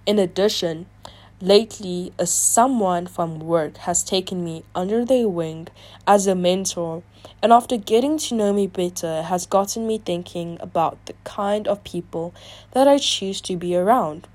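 A woman's voice: lowish voice, measured pace. A woman reading online confessions aloud and breaking off into chatty, reactive asides full of "like". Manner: chatty, filler-heavy talk with frequent "like"; animated, reactive asides between read passages. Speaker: video creator.

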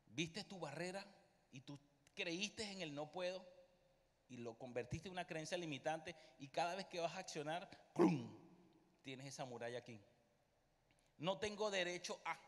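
A man preaching a sermon with passion, bursting into loud outbursts and dropping to quiet asides. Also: on the high side, in a large hall.

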